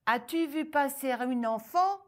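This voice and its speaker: A woman's voice: sits high, lively intonation, measured pace, pitched above the performer's own voice. A woman storyteller voicing a sly, greedy one-eyed ogress who coaxes sweetly and then threatens. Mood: furious. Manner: sweetly coaxing turning menacing.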